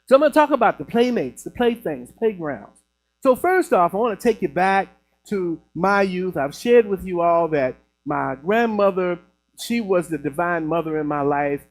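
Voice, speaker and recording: High-voiced man preaching casually. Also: normal speed, slight background noise, low-quality recording. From Chicago, USA. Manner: animated, conversational preaching with laughs. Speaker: minister. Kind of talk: sermon. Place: church building.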